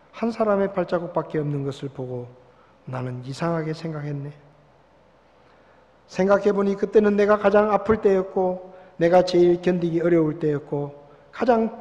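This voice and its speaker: A male pastor preaching a sermon. He swells loud and slows down on the scripture, then drops to a hush on key words. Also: high-pitched. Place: church sanctuary. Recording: long church hall reverb.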